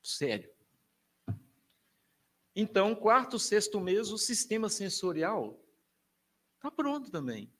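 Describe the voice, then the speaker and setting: Emphatic Brazilian priest, slightly high voice. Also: male voice, sing-song, slow pace, pauses often. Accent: Brazilian Portuguese. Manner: emphatic, colloquial, with wide swings in pitch and loudness. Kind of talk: lecture to families.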